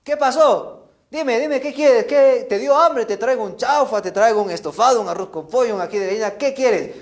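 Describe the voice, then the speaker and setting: A man playing the boy Samuel, eager and excited to help. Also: extremely high pitch, pitched above the performer's own voice. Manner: excited, eager, rapid offers.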